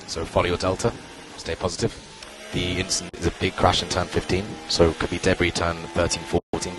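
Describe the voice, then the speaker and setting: A man working as a race engineer on team radio, giving calm, clipped spotter-style instructions and repeating key calls. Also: low voice, brisk. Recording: radio transmission with loud music behind.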